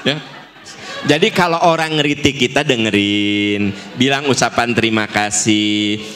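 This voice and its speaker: A man preaching with a Sundanese accent, animated and joking, acting out quotes in shifting voices. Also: mid-range voice, unhurried. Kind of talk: humorous sermon. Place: mosque.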